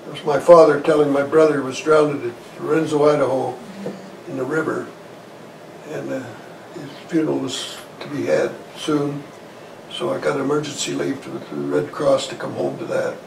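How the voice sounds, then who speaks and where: Recalling his life in plain-spoken, folksy, halting interview fashion, this Korean War veteran in his eighties has a mid-range voice with vocal fry and a level tone. The conversational oral-history session takes place indoors, in an armchair in a small living room. A shirt-clipped lavalier makes it sound roomy and distant, with faint noise.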